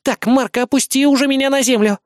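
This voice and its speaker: A reader voicing a haughty, tiny female pop idol who holds a general's rank, indignant and quick to snap. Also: medium pitch, a little mellow, dry recording, studio quality, pitched above the performer's own voice, close to an everyday voice. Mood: irritated. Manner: snappy, indignant, easily irritated. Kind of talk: audiobook character voice.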